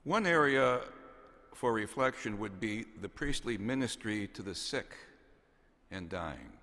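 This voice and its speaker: A bishop in his sixties reads a homily from notes at the pulpit of a large cathedral, speaking into a gooseneck microphone. His fairly low voice is expressive, pushed and bright, and his phrasing is slow, solemn and deliberate, with pauses. The cathedral gives the sound a big reverberant quality.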